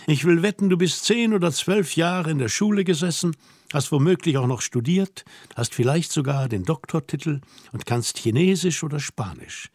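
A man reading an audiobook voices a young woman who teases and orders her companion about, asking brisk, mocking questions. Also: on the high side, animated, darkish tone, no echo, studio quality, voice pushed up. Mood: scolding. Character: young woman, teasing, bossy and self-assured. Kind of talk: audiobook dialogue.

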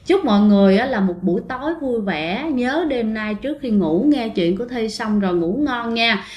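A woman's voice: on the high side, lively intonation, normal speed, a little mellow. A woman narrating ghost stories in a chatty, casual way, often speaking straight to her listeners. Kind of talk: casual spoken storytelling. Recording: roomy echo.

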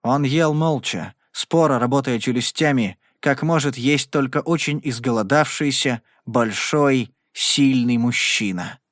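A man in steady scripted narration, reading a Western novel as an audiobook. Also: medium pitch, unhurried, hardly any pauses, no room sound, clean studio sound.

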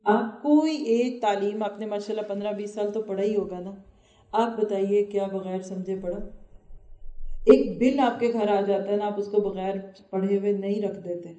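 A woman's voice: medium pitch, normal speed, warm tone, echoey room. Earnest woman giving a Quran lecture. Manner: earnest, asks the audience questions. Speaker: Quran teacher. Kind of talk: religious lecture, Quran commentary.

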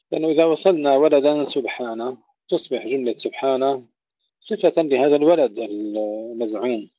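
A male Quran teacher with a dark, mellow voice explains recitation rules carefully, repeating each word to model its pronunciation. The recording is dull and muffled, with a dry, close sound. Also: mid-range voice, no room sound. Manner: precise, demonstrates pronunciation by repeating words. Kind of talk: tajweed lesson explanation.

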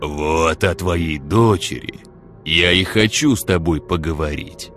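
A man voicing a calculating gang boss who speaks in a slow, measured, menacing drawl. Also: deep voice, fairly bright tone, faint music behind. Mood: cold.

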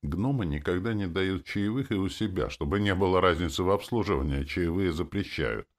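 A man voicing a deep-voiced gruff orc. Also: lively intonation. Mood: explaining. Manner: slow, low rumbling delivery. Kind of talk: audiobook character voice.

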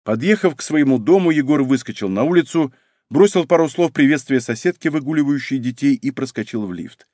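A man narrates a novel with lively pitch and expressive delivery. The recording is dry, close and clean. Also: brisk, no echo. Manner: expressive storytelling. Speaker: audiobook narrator. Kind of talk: scripted narration.

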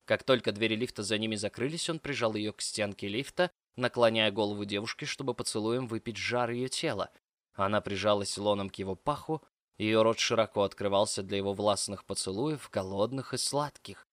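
A man reading audiobook narration in a steady, even way. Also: fairly low pitch, brisk, no echo. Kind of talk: scripted narration.

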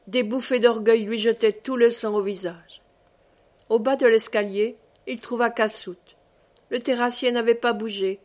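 A woman narrating a classic novel as an audiobook, reading at a measured, even pace. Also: medium pitch. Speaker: audiobook reader.

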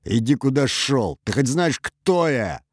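A man voicing a drunk, furious army major who growls, shouts and hisses threats, in a raised, louder voice. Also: sits low, normal speed, no echo, clean studio sound.

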